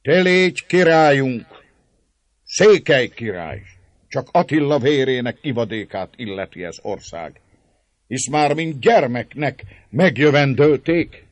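A man voicing a boisterous, drunk old male warrior who proclaims loudly with slurred words, in an audiobook reading. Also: mid-range voice, animated, no room sound, voice pushed up, close to an everyday voice. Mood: drunken shouting.

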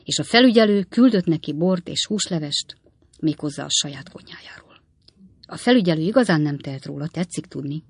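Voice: medium pitch, lively intonation, husky, dry recording. A reader voicing a gloomy, deferential male prison turnkey who speaks politely, in an audiobook. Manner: polite, says "sir" often. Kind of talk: audiobook character reading.

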